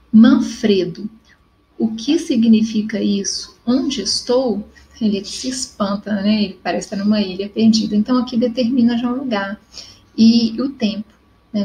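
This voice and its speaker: A woman's voice: mid-range voice, warm tone, a little hiss or hum, poor audio. A young adult woman with a Brazilian Portuguese accent, teaching an online class and checking in often to confirm the students follow. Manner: explanatory, checks in with "tá?" and "ok?".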